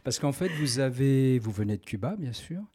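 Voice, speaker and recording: A man hosting a radio interview, jovial and quick to laugh. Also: medium pitch, expressive, mellow, breathy edge. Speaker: radio host.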